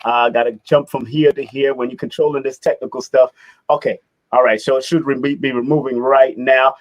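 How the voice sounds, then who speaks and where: A middle-aged man hosting a casual interview, animated, repeating his words and laughing often. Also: mid-range voice, fairly quick, poor audio. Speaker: host.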